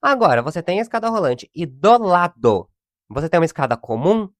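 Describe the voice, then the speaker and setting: A young man rants in a casual solo podcast, his pitch swinging widely as he grows exasperated. The sound is dry and close, with no room around him. He laughs often between complaints. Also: very animated, brisk, dry recording. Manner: exasperated, ranting with frequent laughs. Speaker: podcast host.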